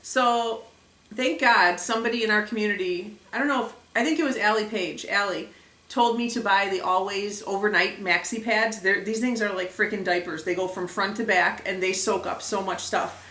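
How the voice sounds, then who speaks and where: A young woman vlogger chatting casually to the camera, retelling events with lively acted quotes. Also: medium pitch, moderate pace, far from the mic. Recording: echoey room, a bit off mic.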